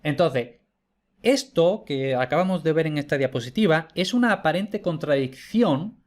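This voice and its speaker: A man delivers a slide lecture in a somewhat high voice. He explains patiently, repeating key points and checking in with his listeners. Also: expressive, moderate pace. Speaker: teacher.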